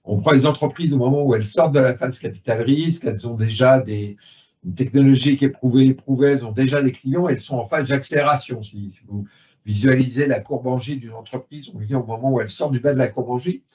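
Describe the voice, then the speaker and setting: A man's voice: medium pitch, quick pace, warm tone. A man on a conference panel explaining his fund's investing approach, with frequent fillers and simple analogies. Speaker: private equity fund director. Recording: dull lo-fi sound.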